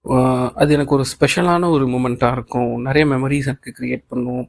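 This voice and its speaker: A man reading the lines of a kind male office boss in an audiobook of a novel, calm and reassuring, mixing in English phrases. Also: mid-range voice, a little fast, vocal fry, lightly acted.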